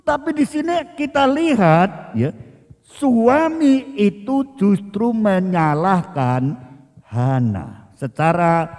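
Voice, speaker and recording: Brief: male pastor, very high voice, slow lively sermon delivery, long reverb. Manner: frequent "ya" tags, stretched emphatic phrasing. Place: church worship service.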